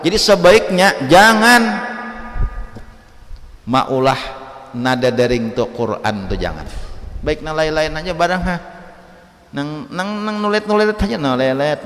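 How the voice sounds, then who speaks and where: A man with a Banjar accent giving a conversational religious lesson in an Islamic study hall, lecturing in a lively, chatty way and acting out examples. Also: on the high side. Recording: reverberant hall.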